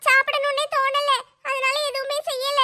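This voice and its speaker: Squeaky timid young cartoon woman. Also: completely flat delivery, normal speed, bright, forceful tone, heavily acted. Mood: anxious. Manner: hesitant, pleading. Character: shy tearful young woman, unsure and anxious.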